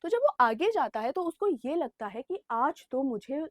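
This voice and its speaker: A young woman teaches an English chapter to exam students in a high voice, recorded dry and close. She mixes English phrases into her explanation and calls the students "beta". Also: sing-song, normal speed, no room sound. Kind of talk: online exam-prep lesson.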